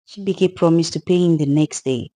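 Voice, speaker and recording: In a dramatised folktale, a woman with a Nigerian accent voices the sorrowful, wronged ghost of a murdered widow. Her voice sits low and warm at a moderate pace, plaintive and earnest.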